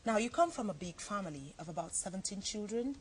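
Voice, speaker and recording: A woman's voice: medium pitch, animated, quick pace. A woman from Cameroon hosting a TV interview, asking chatty, probing questions. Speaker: TV host.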